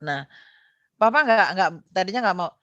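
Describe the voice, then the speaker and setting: A woman's voice: mid-range voice, animated, moderate pace, pushed and bright, no room sound, muffled recording. A middle-aged woman from Indonesia casually recounting a personal experience, with frequent fillers and self-corrections. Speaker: guest sharing personal testimony. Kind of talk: casual spoken testimony.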